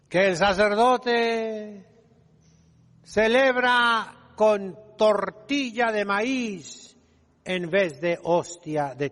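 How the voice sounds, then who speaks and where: Speaking at a very slow pace, a high-voiced older man from Mexico with a slightly bright tone delivers a fiery sermon urging on his congregation. He's emphatic and scolding, pausing deliberately for drama, while the hall around him echoes with long reverb.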